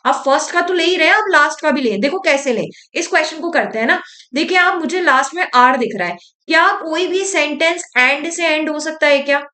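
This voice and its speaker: High-voiced woman teaching in an echoey room. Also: lively intonation, a little fast, sharp tone. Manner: chatty, coaxing, asks the viewer questions. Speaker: English teacher for exam prep. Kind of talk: explanatory classroom-style lesson.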